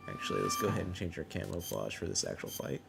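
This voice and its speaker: Low-voiced man streaming a game. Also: very animated, fast talker, gravelly. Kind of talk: casual live gameplay commentary. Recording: loud game music mixed in. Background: loud music.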